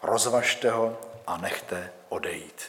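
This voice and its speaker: A man reading scripture aloud and then preaching a sermon in a measured, deliberate way. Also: deep voice, a bit bright, long reverb tail.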